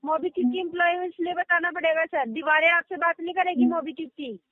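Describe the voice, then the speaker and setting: A woman's voice: very high-pitched, steady tone, fast talker, dry recording. A woman calling about an unpaid loan, polite but firm, saying "sir" again and again. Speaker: loan recovery caller. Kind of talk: phone call. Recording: tinny phone line.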